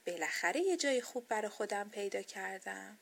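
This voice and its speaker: A woman voicing Sleep, a gentle wandering spirit in a children's storybook, slow and soft-spoken. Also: mid-range voice, animated, creaky. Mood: pleased.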